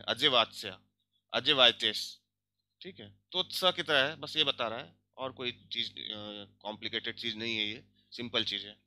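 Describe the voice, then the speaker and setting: A young man teaches a grammar lesson in a very bright, slightly high voice. He goes step by step, checks in with his listeners often, and says the example words slowly and carefully. The sound is dry and close. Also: dry recording. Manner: explains step by step, often checks with "theek hai". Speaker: language teacher.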